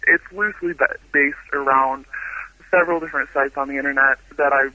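A man calling in on the phone to a radio show, his voice disguised by a voice changer, speaking haltingly with many fillers and restarts. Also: mid-range voice, steady tone, bright, forceful tone, no room sound, poor audio. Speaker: anonymous phone-in guest. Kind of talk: radio call-in interview. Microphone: phone line.

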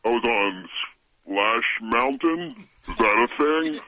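A man on a phone call, his voice run through a voice changer, playing a tough-talking theme-park gang member who makes deadpan threats. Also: medium pitch, takes it slowly, no room sound. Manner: menacing bravado, deadpan threats. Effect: voice changer disguise. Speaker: caller.

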